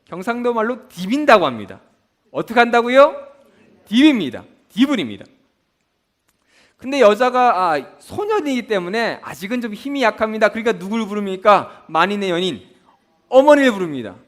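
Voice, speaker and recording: A man with a high, bright voice that swings widely in pitch, at a normal speed, teaches a Bible school lesson built on memory tricks. He frequently poses a question to the class and then answers it himself, call-and-response style.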